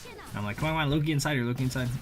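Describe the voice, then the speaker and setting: Racing through his lines in a mid-range voice, a young gaming creator delivers relaxed, slangy play-by-play commentary. Game music and sound effects play behind him.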